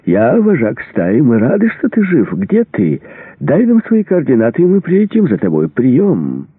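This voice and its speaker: A man voicing a blustering male officer who fakes cheerful joy, loud and strained, going high. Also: expressive, moderate pace, gravelly, breathy edge, no echo, exaggerated voice. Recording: dry, tinny phone-like sound.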